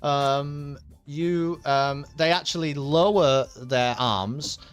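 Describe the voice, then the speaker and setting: A man's voice: fairly high pitch, slow, clean tone, faint music behind. A man narrating as game master of a tabletop game, rambling loosely with many ums and laughs.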